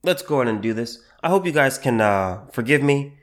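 A mid-pitched man hosts a solo podcast, sounding slightly under the weather from allergies, with lively intonation. He halts and restarts often, repeats phrases and fills gaps with ums and uhs, slowing right down when he wants to stress a point.

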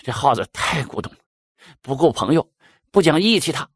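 A man's voice: a little high, expressive, normal speed, breathy edge, no echo, studio quality, pitched above the performer's own voice. A man voicing a blunt, grumpy male cat in a folk tale. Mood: indignant.

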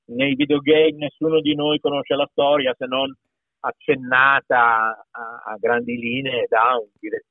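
A man's voice: mid-range voice, measured pace, no room sound. A middle-aged man with a Piedmontese accent, a voice actor speaking emphatically in an interview. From Piedmont, Italy. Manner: emphatic, repeats words, animated. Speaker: voice actor guest. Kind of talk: conversational interview. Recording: tinny phone-like call line.

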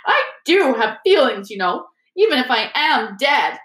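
A woman's voice: a little high, sing-song, unhurried, sharp tone, echoey room, voice pushed up, full character voice. A woman voicing a gloomy, easily offended ghost girl in a tearful, melodramatic storybook reading. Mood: tearful, wounded.

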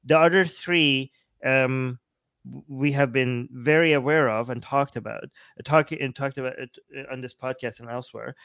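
A man's voice: medium pitch, fairly even intonation, normal speed, creaky, fairly bright tone, smooth, no room sound. A man co-hosting a casual live discussion, often interjecting and restarting his phrases as he goes. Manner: interjecting, stop-start with repeated phrases. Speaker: podcast co-host.

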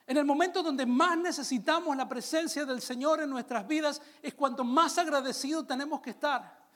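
A Latin American man preaching a sermon, calling out to his congregation and slowing down on key phrases. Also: very high voice, fairly bright tone. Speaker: pastor.

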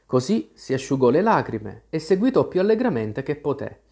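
A storybook narrator reading in a measured, expressive manner. The voice moves lively up and down, mid-pitched. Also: gravelly. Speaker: audiobook narrator.

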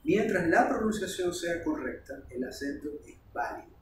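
Man, higher voice, roomy distant sound. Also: normal speed, a little hiss or hum. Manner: explanatory, animated storytelling. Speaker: language teacher. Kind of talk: casual podcast conversation.

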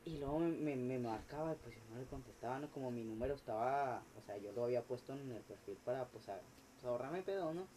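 A man, a podcast guest telling a story in animated, slangy, swearing casual chat. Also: medium pitch, fast talker, hardly any pauses, a little hiss or hum.

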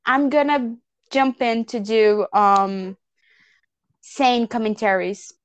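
A woman co-hosting a podcast, chatting in an animated, playful way. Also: fairly high pitch, smooth, dry recording. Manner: animated, playful, quick laughs. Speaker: podcast co-host. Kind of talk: casual chat.

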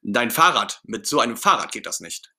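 A man's voice: mid-range voice, animated, normal speed, bright, forceful tone. A man voicing Bert, a fussy, strict male puppet friend who nags, in a storybook read-aloud. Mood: stern. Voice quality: stern and nagging.

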